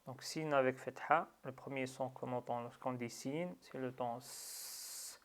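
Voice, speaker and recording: A man teaching a slow, patient lesson, drilling syllables with long drawn-out sounds. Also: mid-range voice, steady tone. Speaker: Arabic reading teacher.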